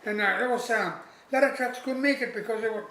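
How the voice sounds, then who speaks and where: A man's voice: sits high, sharp tone. Old army vet guy remembering stuff, stops and repeats himself, roomy echo with a bit of noise. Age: elderly, over 80. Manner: halting, repetitive, plain-spoken recollection with searching pauses. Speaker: war veteran being interviewed. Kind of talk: old veteran remembering, informal oral history.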